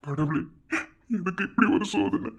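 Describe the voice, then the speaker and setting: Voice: mid-range voice, unhurried, gravelly, heavy background noise. A voice actor playing a young husband and father who earnestly prays for his sick child, full of guilt. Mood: grieving. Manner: earnest, praying to God.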